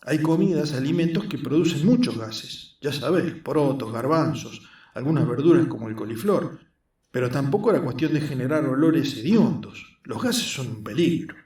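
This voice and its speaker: A man's voice: animated, normal speed, a little mellow, natural voice. A man voicing an earnest, skinny young man, explaining his craft patiently. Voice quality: squeaky. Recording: roomy echo, mic at a distance.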